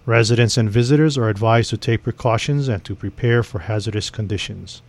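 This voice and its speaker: A man reading a civil defense emergency broadcast message in a formal, measured, official way. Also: medium pitch, a little mellow.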